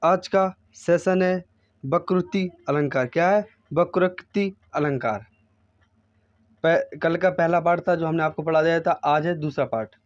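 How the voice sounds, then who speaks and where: A man teaching grammar in a high voice at a slow, deliberate pace. He drills each point, asking the class a quick question and answering it himself. The recording is dull and lo-fi. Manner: repeats each point as a quiz, asking "kya?" then answering; slow, drawn-out recitation of example lines. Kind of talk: Hindi grammar lesson.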